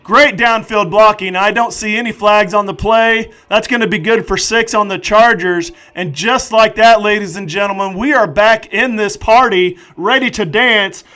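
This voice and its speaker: A man doing live play-by-play football commentary, excitable and jokey with rambling asides. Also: high-pitched, moderate pace, few pauses.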